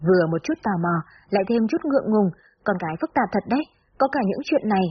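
A woman narrating a story aloud in the first person, in steady storytelling manner. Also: medium pitch, quick pace. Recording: slightly dull recording with faint hiss.

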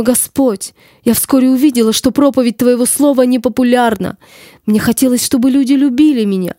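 Woman voicing a damned woman's soul, anguished and pleading, mellow raised voice, dry audiobook read. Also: fairly high pitch, no echo. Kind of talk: audiobook reading.

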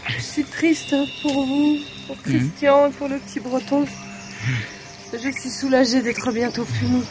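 An actress playing a feverish, delirious spy woman in a radio drama, rambling between hushed words and outbursts. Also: high-pitched, flat delivery, a little slow, music in the background. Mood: resigned.

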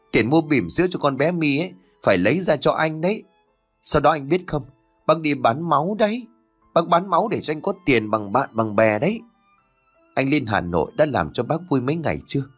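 A man's voice: on the high side, slightly rough, pitched above the performer's own voice. A man reading an audiobook, playing an outspoken young woman who rebukes her cousin heatedly. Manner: rebuking, heated, tearful pleading.

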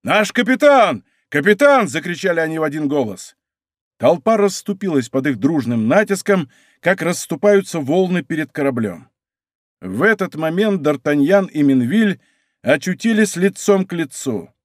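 A man narrates a historical adventure audiobook with vivid, dramatic storytelling. His voice sits fairly high and swings widely in pitch. The studio sound is close and dry. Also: animated, moderate pace, darkish tone, no echo. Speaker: audiobook reader. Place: recording studio.

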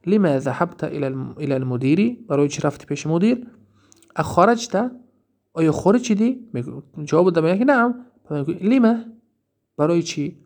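Tajik guy teaching grammar, kinda high voice, asks himself stuff then answers. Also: lively intonation, darkish tone. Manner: explains by asking and answering his own questions, reading Arabic examples aloud. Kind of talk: recorded lesson explaining a textbook.

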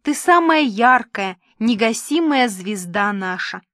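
A frazzled young studio administrator, voiced by a woman narrator, alternately cajoling and snapping back. Her voice is fairly high and heard close and dry. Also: lively intonation, fairly bright tone, dry recording. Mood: coaxing. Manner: coaxing, cajoling, quick to snap back.

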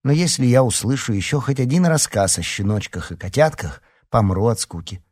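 A man's voice: mid-range voice, lively intonation, a little fast, a little mellow, voice pushed up, lightly acted. A man reading an audiobook, voicing a bossy, commanding teenage girl who edits a school paper. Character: stern young female school newspaper editor.

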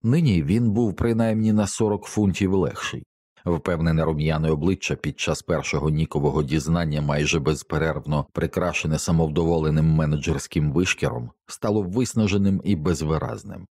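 Deep-voiced male audiobook narrator. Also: moderate pace, darkish tone, no echo. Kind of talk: scripted narration.

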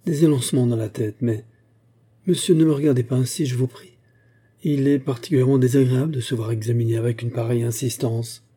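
A man's voice: mid-range voice, steady tone, fast talker, dark tone, slightly rough, natural voice. A man voicing a drunk, quarrelsome middle-aged attorney with a thick, surly, blustering manner, raised above his own voice.

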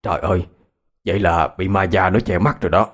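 A man's voice: deep voice, steady tone, brisk. A man voicing an older village neighbor who soothes a scared child in a folksy, reassuring way. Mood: soothing. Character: older male village neighbor, calm and fatherly.

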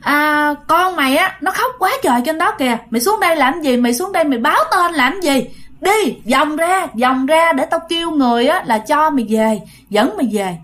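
A woman's voice: high-pitched, expressive, normal speed, a bit bright, voice pushed up. A woman voicing the stern, scolding ghost of an old grandparent in a spoken ghost story. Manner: scolding, blunt.

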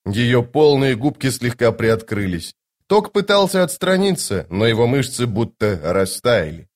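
Expressive male fantasy audiobook narrator. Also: mid-range voice, measured pace. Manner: expressive storytelling.

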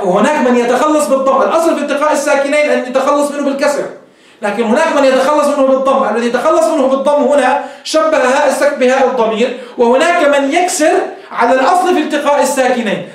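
A man's voice: extremely high pitch, expressive, very fast. A man teaching a grammar lesson, explaining step by step and quizzing his class. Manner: explains step by step, asks the class questions and answers them. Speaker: sheikh teaching Arabic grammar. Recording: very echoey room, mic far off.

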